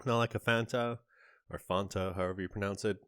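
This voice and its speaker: A man's voice: on the low side, steady tone, very fast, no echo. A man hosting a casual on-camera candy review, chatty and describing each flavor in detail with small asides. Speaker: candy reviewer, channel host.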